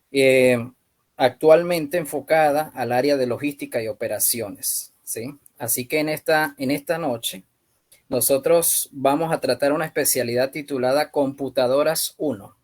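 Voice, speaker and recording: Venezuelan man teaching an online class. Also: mid-range voice. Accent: Venezuelan Spanish. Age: 30s. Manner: measured, with frequent hesitant fillers. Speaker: youth ministry instructor.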